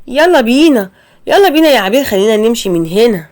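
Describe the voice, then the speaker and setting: A snooty older friend from an animated Egyptian story, put on by a woman narrator. She speaks briskly and dismissively with an Egyptian accent. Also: fairly high pitch. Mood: haughty. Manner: haughty, dismissive.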